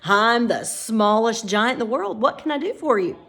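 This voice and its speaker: A woman voicing a chatty, confused ordinary man who rambles through evasive answers, pitching her voice high and lively. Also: moderate pace. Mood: polite, puzzled.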